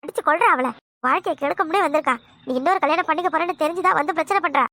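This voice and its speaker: A woman's voice: extremely high pitch, rapid-fire, pushed and bright, no echo, clean studio sound, heavily acted. A woman voicing a harsh older village mother-in-law with a Kanyakumari Tamil accent, scolding and insulting in a cartoon comedy. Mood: scornful.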